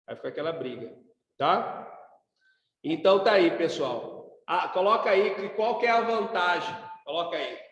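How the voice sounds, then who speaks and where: A man with a Brazilian accent teaching a law class in a loose, chatty way, often checking in with the students through quick rhetorical questions. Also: high voice, lively intonation, fairly bright tone. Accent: Brazilian Portuguese. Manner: colloquial, rhetorical questions and tags like "sacou?". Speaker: law professor. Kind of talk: informal classroom lecture. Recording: very echoey hall, long reverb.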